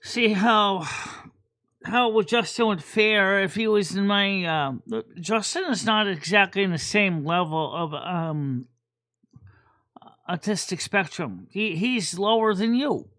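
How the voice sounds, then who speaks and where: A woman's voice: mid-range voice, slow pace, a bit bright. A woman hosting a casual livestream chat, rambling and repeating words as she thinks aloud. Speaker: host.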